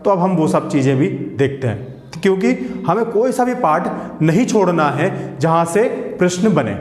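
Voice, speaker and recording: Man, teacher, fairly high voice, patient repetition of each sound, echoey room, long reverb. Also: animated. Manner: repeats sounds slowly and checks in with "ठीक है". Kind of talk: classroom lesson.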